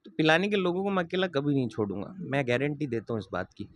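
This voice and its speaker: A man's voice: fairly high pitch, sing-song, fast. Young man, earnest interviewee, emphatic and firm. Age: 20s. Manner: earnest and emphatic, repeats promises. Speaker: interviewee, local political candidate. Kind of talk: interview answers.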